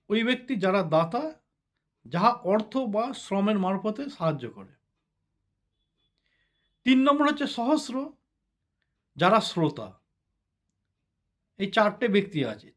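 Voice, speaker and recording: A man's voice: high voice, a bit bright. A man giving a sermon-style religious talk, explaining step by step and often checking with the listeners. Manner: explains step by step, asks the listeners "ঠিক আছে?". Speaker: religious speaker.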